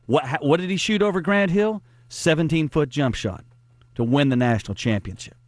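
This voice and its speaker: A man's voice: a little high, brisk, no room sound. A man in his forties hosting sports talk, rambling nostalgically and laughing at himself. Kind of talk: casual sports talk monologue.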